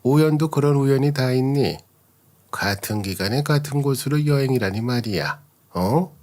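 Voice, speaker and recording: A man's voice: medium pitch, expressive, moderate pace, a little mellow, close to an everyday voice. A man voicing an older mother-in-law who feigns innocence and dodges questions. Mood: feigning innocence.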